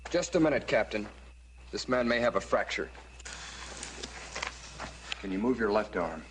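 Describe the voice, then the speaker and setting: An actor playing a studious army doctor who speaks calmly and with dry wit, in a 1950s western film. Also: male voice, fairly low pitch, unhurried, background noise.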